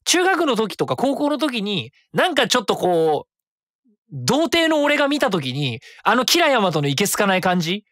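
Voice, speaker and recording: A high-pitched man in his thirties runs a solo web radio show, speaking in a rambling, casual way and amending his statements as he goes, quick and animated throughout. The sound is studio quality, with no echo.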